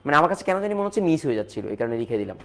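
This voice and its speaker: A man's voice: a little high, very animated, racing, vocal fry. Repetitive, coaxing male chemistry teacher. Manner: repetitive, coaxing, mixes English terms into explanations. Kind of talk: live online lecture.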